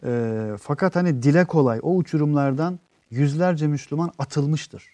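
A man with a dark, mellow tone hosts a casual live stream, reading out viewer comments and explaining at length. He sounds earnest and unhurried and often drifts off with long fillers. The sound is close and dry. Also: on the high side, no room sound.

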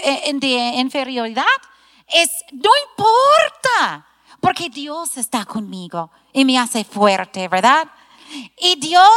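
Middle-aged woman preacher, high-pitched, emphatic, recorded in a reverberant church hall. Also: pushed and bright. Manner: earnest, self-deprecating, emphatic preaching. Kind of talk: sermon to a women's gathering.

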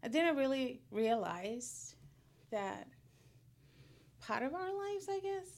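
Gravelly-voiced woman from Puerto Rico. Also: high-pitched, very animated, darkish tone. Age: 30s. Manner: halting, laughs often. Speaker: guest. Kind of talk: casual interview.

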